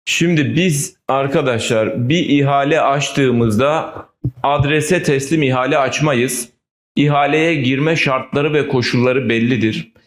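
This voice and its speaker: A man giving a political speech as chair of a council meeting, emphatic, repeating key phrases and asking rhetorical questions into a hall microphone. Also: mid-range voice. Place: large indoor meeting hall.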